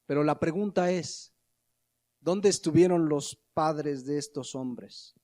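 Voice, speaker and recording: A man's voice: a little high, slow pace, mellow. A man with a Mexican accent preaching a sermon as pastor, conversational and often putting questions to the congregation.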